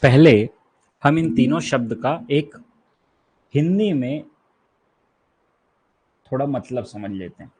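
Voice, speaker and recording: A man's voice: medium pitch, expressive, slow pace, pauses often, dark tone, breathy edge. A man from India with an Indian accent, teaching an online exam-prep lecture. He explains key terms patiently, repeats them, and keeps checking that the students follow. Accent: Indian English.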